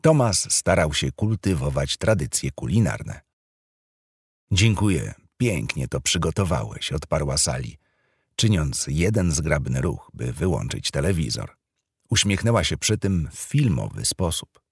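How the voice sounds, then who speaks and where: A man narrating an audiobook thriller in an expressive storytelling manner. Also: extremely low pitch, unhurried, creaky, breathy edge, dry recording, studio quality.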